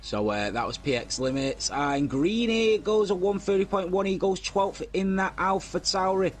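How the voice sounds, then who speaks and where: A man's voice: high-pitched, normal speed, soft background music. A man giving casual live commentary on an online racing league, reading out lap times and chatting with viewers. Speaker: race commentator.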